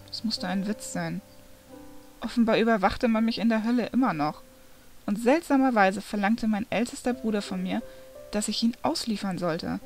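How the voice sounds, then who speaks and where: Woman reading a novel aloud. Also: mid-range voice. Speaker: reader.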